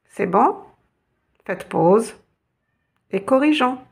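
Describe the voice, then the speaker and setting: A woman's voice: a little high, animated, drawn-out words, creaky, breathy edge. A woman teaching a lesson, patiently guiding learners step by step and spelling out letters. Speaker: Arabic teacher.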